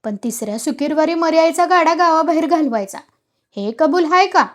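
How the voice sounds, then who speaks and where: A woman voicing a superstitious old village man who speaks loudly and forcefully. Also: extremely high pitch, animated, fairly quick. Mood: insistent. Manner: loud, forceful.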